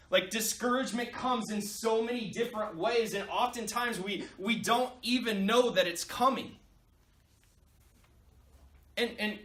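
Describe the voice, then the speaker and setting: A man coaching, giving a motivational talk as a rambling, halting story with many restarts. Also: sits high, pushed and bright. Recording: echoey room, mic at a distance, faint ambience.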